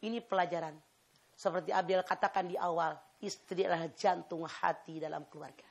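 A woman's voice: lowish voice, steady tone, brisk, gravelly, husky. A woman preacher telling a story in a sermon, emphatic and building her points by repetition.

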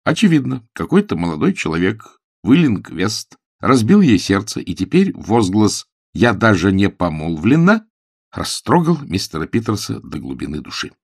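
Male storybook narrator, low-pitched, animated, recorded close and dry. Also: normal speed, creaky, dry recording. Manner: expressive, animated reading. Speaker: audiobook narrator. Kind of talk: scripted narration.

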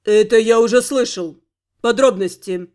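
A haughty male fairy lord, as a woman reading an audiobook puts him on, his voice dropped low and pushed loud. He speaks with cold, sarcastic contempt and a steady, menacing weight. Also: a little slow, lightly acted. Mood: scornful. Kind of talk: audiobook character voice.

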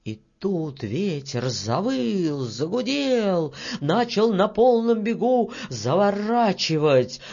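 A woman narrating a fairy tale for an audiobook in an expressive, storytelling manner. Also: sits low. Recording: dull lo-fi audiobook recording.

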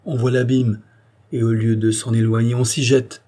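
A man's voice: mid-range voice, flat delivery, normal speed, warm tone, close to an everyday voice. A man reading an audiobook, voicing a proud, jealous queen who pleads with impassioned emotion. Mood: impassioned, pleading.

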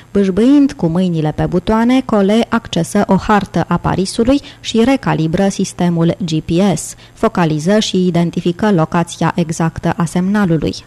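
A woman narrates a thriller audiobook with a fairly low voice. Her reading is steady and dramatic, and it holds an even pace through the action. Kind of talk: scripted narration.

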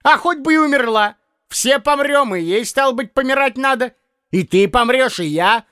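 A man's voice: extremely high pitch, expressive, normal speed, bright, forceful tone, smooth, dry recording, studio quality, pitched above the performer's own voice, heavily acted. A man reading an audiobook and voicing a fussy, blundering old man who stammers and corrects himself. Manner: stammering, self-correcting, cackling.

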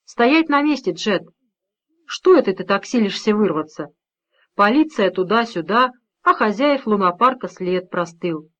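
A calm, steely middle-aged father who speaks evenly and with quiet menace, as a woman reader gives him voice. The storybook reading has a slightly dull, lo-fi sound. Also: medium pitch, measured pace. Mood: calm, firm.

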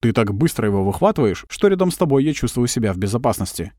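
A man voicing a young male agent in his twenties who asks plain, earnest questions at an unhurried pace. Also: medium pitch, very animated, darkish tone, no room sound, studio quality. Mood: curious.

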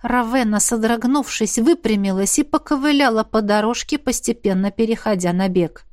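A woman's voice: on the high side, moderate pace, no echo, clean studio sound. Woman narrating a fantasy audiobook. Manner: steady storytelling. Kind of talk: first-person novel narration.

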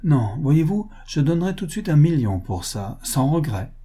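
A crude, boastful rich upstart who blurts out whatever he thinks, as a man voices him. The voice is raised and pushy, with a dark, husky grain underneath, and his manner is blunt and clumsy throughout. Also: on the high side, big pitch swings, moderate pace, voice pushed up. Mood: blustering.

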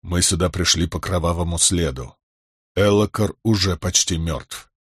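A man's voice: sits low, moderate pace, slightly rough, no echo, clean studio sound. A man voicing a persuasive male soldier who speaks in an insistent, coaxing way.

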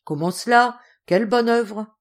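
A woman's voice: fairly high pitch, moderate pace, pitched above the performer's own voice, lightly acted. A woman voicing a boisterous, generous old male Russian general who speaks in commanding exclamations. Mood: brisk.

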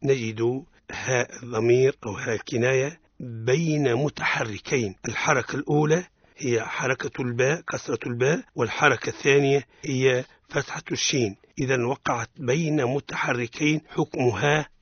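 A man with a Tunisian Arabic accent teaching the rules of Quran recitation on the radio, explaining each rule, quizzing his student and chanting verses slowly. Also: mid-range voice, slightly rough, dry recording, highs cut off.

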